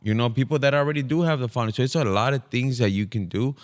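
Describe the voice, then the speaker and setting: A man's voice: mid-range voice, fast talker. A man in his thirties in casual podcast chat, giving earnest advice. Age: 30s. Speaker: podcast co-host.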